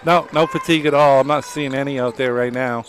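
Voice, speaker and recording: A man giving color commentary on a high school basketball game, easygoing and pausing often on "uh". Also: fairly even intonation, a little hiss or hum. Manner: easygoing, frequent "uh" pauses.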